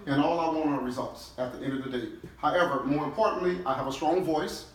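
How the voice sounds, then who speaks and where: In an echoey room with a far-off mic and a little background noise, a middle-aged New Orleans CEO delivers an emphatic motivational speech to his team-building group. His voice is on the high side and fast, and he often pauses for short questions to his staff.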